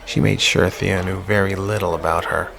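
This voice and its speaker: Low gravelly male audiobook narrator. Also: fairly even intonation, moderate pace, a crowd in the background. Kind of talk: scripted horror audiobook narration.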